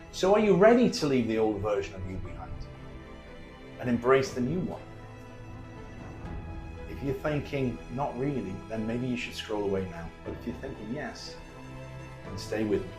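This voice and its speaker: A man presenting a guided self-help talk from inside a cable car, in deliberate, halting phrases. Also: medium pitch, a little mellow. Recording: echoey small cabin acoustics, music.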